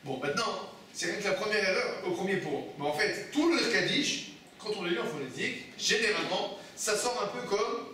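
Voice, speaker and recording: Rabbi guy giving a torah lesson to students, bright ringing voice, lots of echo, faint hum behind. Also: high-pitched, animated, a little fast. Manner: asks the class rhetorical questions and answers them; explains texts with repeated phrases and restarts. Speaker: rabbi teaching a class. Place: classroom with students. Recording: echoey room, mic far off.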